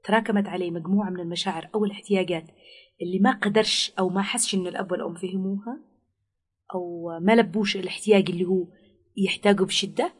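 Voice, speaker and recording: A woman speaks at a brisk, rapid clip. Her voice is husky and slightly breathy. She explains patiently, like a parenting specialist in an interview, and sometimes acts out the words a parent might say to a child. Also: on the low side.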